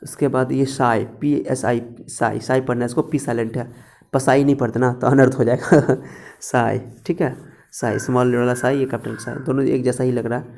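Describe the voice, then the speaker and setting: A man teaches in a relaxed classroom way, going over each point again and again. His voice is gravelly and dark, and he talks straight to his students as he works through the lesson. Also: medium pitch, moderate pace. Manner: repetitive, instructive, speaks directly to students. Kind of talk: casual classroom lecture.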